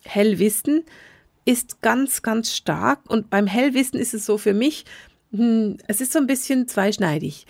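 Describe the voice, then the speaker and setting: A middle-aged woman hosts her own podcast, explaining spiritual senses to listeners. She talks very fast and urgently, often repeating words for emphasis. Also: fairly high pitch, lively intonation, vocal fry, dry recording, clean studio sound. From Switzerland, grew up in Bern. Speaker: podcast host, spiritual medium. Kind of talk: solo podcast teaching.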